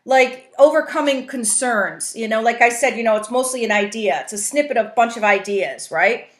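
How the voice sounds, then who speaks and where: Speaking at a normal pace in a fairly high voice, a woman trainer and facilitator teaches a coaching tool on a conference call. She explains things step by step, informally, often checking understanding with "right?" and "you know." The audio is roomy and echoing.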